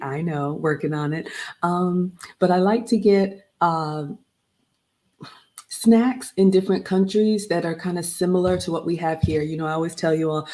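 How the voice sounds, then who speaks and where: Mellow and low, the voice belongs to a middle-aged Ghanaian woman recapping a trip on a casual livestream. As vlog host, she chats with her audience and calls out people by name.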